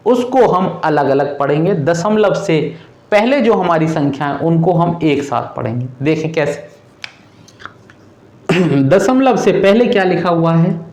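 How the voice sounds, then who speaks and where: Slow-talking teacher, high voice. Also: male voice, animated, a little mellow, roomy sound. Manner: patient, repeats steps, addresses students as "beta". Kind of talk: classroom math lesson.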